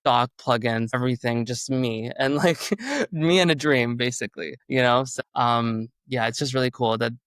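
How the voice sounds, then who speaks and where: With a clear, resonant, slightly bright mid-range voice, a young Canadian singer-songwriter, Urdu being his first language, chats loosely in a casual interview. His intonation is fairly even, his speed normal, his speech full of fillers, and there is no room sound.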